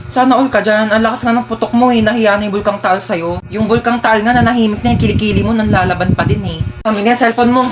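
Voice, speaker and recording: A woman's voice: a little high, steady tone, fast talker. A woman narrating and acting out comedic storytime skits in a playful, teasing way, with music playing behind.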